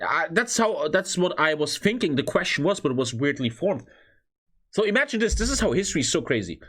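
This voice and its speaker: Husky, animated man reacting live. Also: on the high side, fairly quick. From Norway. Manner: excitable, frequent swearing. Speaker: streamer reacting to a history video. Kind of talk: casual live reaction commentary.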